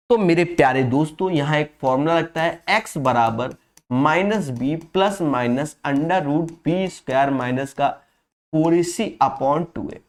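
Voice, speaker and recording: A man teaching a maths lesson for exam prep with a nasal voice from a cold, chatty, and calling his students his friends. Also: on the high side. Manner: chatty, calls students "my friend", slips into English phrases. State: has a cold and fever.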